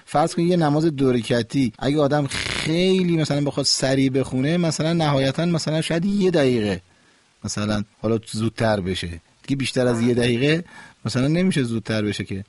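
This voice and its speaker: A man's voice: mid-range voice, lively intonation, a little mellow. A man hosting a call-in radio lesson, patiently correcting callers' Quran pronunciation. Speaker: radio host and Quran recitation teacher.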